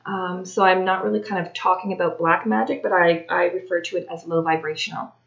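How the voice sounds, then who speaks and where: A woman with a lowish voice talks casually to her camera, unhurried, filling pauses with ums and starting phrases over. The sound is dull and muffled, like a cheap home video. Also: fairly even intonation, gravelly, a bit bright. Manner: unhurried, many ums and restarts. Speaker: tarot reader and vlogger. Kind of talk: casual solo talk to camera.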